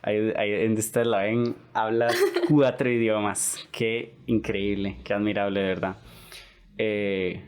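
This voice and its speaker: A man's voice: fairly low pitch, level tone, unhurried, a little mellow, clean tone. A young Costa Rican man hosting a casual podcast interview, chatty and peppering his talk with "¿verdad?". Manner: chatty, repeats "¿verdad?" often. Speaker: podcast host.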